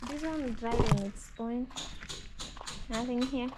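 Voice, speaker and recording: A woman's voice: fairly high pitch, slow. A woman chatting casually as she walks through her garden, musing aloud and admiring the plants, recorded outdoors on a phone. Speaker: vlogger. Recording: outdoor noise, birdsong.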